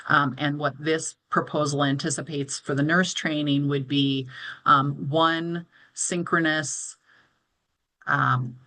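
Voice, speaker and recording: A woman with a bright, clear-edged voice chairs a formal online meeting. She explains procedure and options in careful, official wording, moderating as she goes. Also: low-pitched, fairly even intonation, slow, poor audio.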